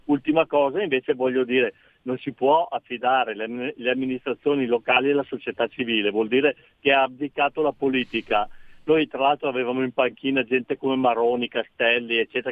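A man's voice: mid-range voice, fairly even intonation, fairly quick, no echo. A man from northern Italy calling a radio show over the phone, speaking fluently and in a firmly opinionated way. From Crema, northern Italy. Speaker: radio call-in caller. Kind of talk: call-in opinion. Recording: tinny phone line, dry.

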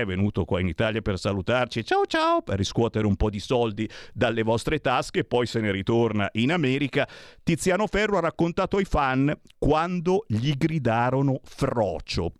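A man's voice: mid-range voice, no echo, clean studio sound. A man commentating to his viewers in a sarcastic, provocative casual monologue. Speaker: online commentator.

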